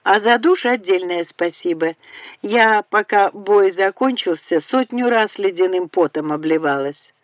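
A woman's voice: medium pitch, measured pace, no echo, lightly acted. A woman voicing an affectionate young niece in an audiobook, speaking fondly and teasingly.

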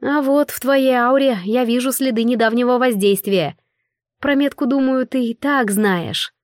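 A woman reading as a commanding high priestess. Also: normal speed, dry recording, studio quality, close to an everyday voice. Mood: authoritative.

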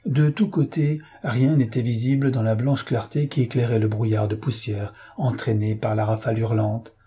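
Dark, husky male audiobook narrator. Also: medium pitch, steady tone. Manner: measured, dramatic storytelling. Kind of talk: scripted literary narration.

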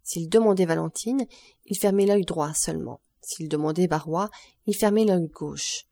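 A woman reading a classic novel aloud as an audiobook narrator, calm and measured. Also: on the low side, creaky, dry recording, clean studio sound. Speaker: audiobook reader.

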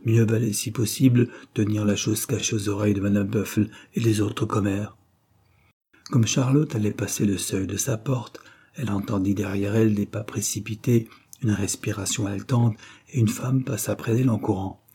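A man narrates a novel in a measured, even storytelling voice. His voice sits low with a dark, mellow tone and a husky grain. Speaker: audiobook reader. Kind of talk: scripted narration.

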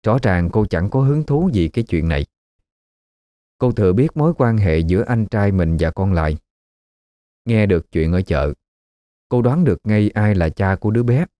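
A man narrating a ghost story in a measured, even way. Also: on the low side, no echo, studio quality. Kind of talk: scripted narration. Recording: faint background music.

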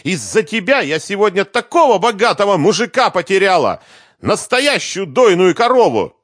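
A man's voice: high voice, normal speed, no room sound, clean studio sound, voice pushed up, lightly acted. A man voicing a hysterical young woman singer who shrieks, sobs and scolds in an audiobook. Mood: scolding. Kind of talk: audiobook character voice.

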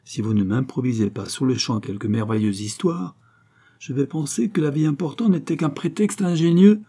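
A man's voice: medium pitch, normal speed, dark tone, breathy edge, close to an everyday voice. A man reading aloud, voicing a haughty aristocratic lady with a cold, mocking, imperious manner.

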